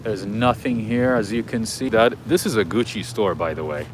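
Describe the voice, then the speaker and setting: A man's voice: fairly low pitch, normal speed, noisy background. A man hosting a live walking tour outdoors on a city street, chatting casually and greeting viewers by name. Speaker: livestream host.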